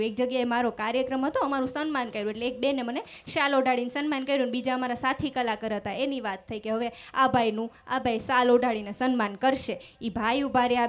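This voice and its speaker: A woman stand-up comedian with a high voice performs on stage into a microphone before a live audience. She tells stories from her shows and acts out both sides of each exchange before landing the punchline. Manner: storytelling with acted-out dialogue and punchlines.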